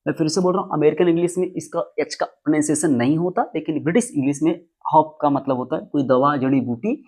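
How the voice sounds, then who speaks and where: A man's voice: on the high side, fast, a little mellow. A man teaching English pronunciation, explaining rules emphatically and repeating key words. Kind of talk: classroom-style explanation.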